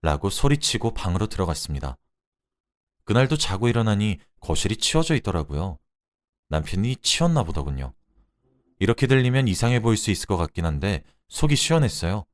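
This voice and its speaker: A man narrating a first-person story in a radio drama, with expressive storytelling. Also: lowish voice, brisk, no room sound, studio quality. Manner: expressive storytelling, lively delivery.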